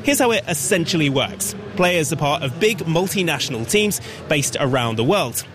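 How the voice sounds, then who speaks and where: A man working as a reporter, delivering an upbeat, clearly narrated field report. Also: on the high side, big pitch swings, normal speed. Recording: outdoor noise behind.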